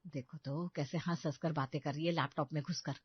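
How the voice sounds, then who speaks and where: A woman voicing a nosy, quick-tempered elder sister-in-law in an animated story, pushy and sharp-tongued. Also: fairly high pitch, dry recording. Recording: dull lo-fi dry recording.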